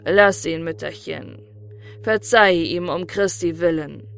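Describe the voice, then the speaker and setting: A woman voicing a pious, gentle old shoemaker in a storybook reading, her voice pitched lower and pleading. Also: measured pace, faint music behind.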